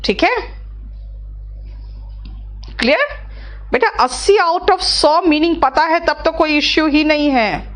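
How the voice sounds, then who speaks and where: A woman's voice: sits high, lively intonation, slow, pauses often. A middle-aged woman, teaching vocabulary in an online class and coaxing her students step by step. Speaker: English teacher.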